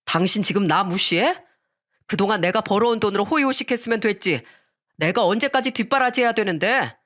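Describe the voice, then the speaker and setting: A woman's voice: medium pitch, lively intonation, brisk, a bit bright, lightly acted. A woman voicing a lazy, surly middle-aged husband who talks in a curt, dismissive grumble. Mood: defiant.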